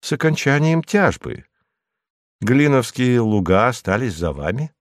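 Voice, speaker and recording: A man's voice: medium pitch, very animated, unhurried, dry recording, clean studio sound. A man voicing a polite young lady hostess in an audiobook, his voice lifted a little. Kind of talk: audiobook character reading.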